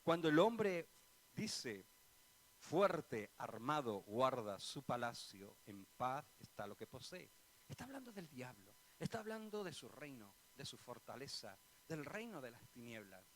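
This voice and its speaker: A man with an Andalusian Spanish accent, a pastor preaching a sermon in church, swinging between loud bursts and quiet asides and asking the congregation direct questions. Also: mid-range voice, very animated, measured pace, a little hiss or hum, low-quality recording. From Spain.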